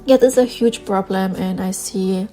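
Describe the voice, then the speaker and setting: An artist vlogger, a German-accented woman speaking English as a second language, shares her views earnestly while drawing for her channel, sometimes hunting for words. She talks plainly at a moderate pace, with a warm, medium-pitched voice, small word searches and repeats. Soft music plays behind this casual drawing-session chat.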